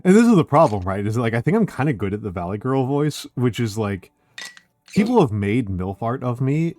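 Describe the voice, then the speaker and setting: A man chatting casually as a streamer, excitable and rambling, leaning on filler words like "like". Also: medium pitch, brisk, faint music behind. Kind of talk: casual chat.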